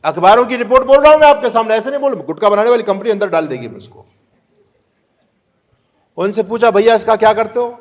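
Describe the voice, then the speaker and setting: A man's voice: sits high, expressive, a little fast, pauses often. A man giving a preachy, rhetorical moral lecture to students. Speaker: speaker addressing students.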